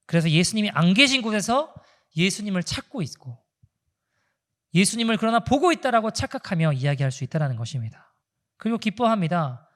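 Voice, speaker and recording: Korean-speaking pastor guy giving a sermon, pretty high voice, bounces all over the place. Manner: animated preaching with rhetorical questions and acted-out quotes. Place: church in Toronto.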